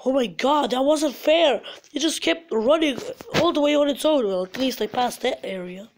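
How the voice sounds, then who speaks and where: Woman gamer, sick and stuffy, a bit high voice, cursing at her mobile game, faint background hiss. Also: lively intonation, moderate pace. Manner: frustrated, swearing, yelling at the game. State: sick, congested. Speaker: gamer recording her phone screen. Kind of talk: mobile gameplay commentary. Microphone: phone's built-in mic.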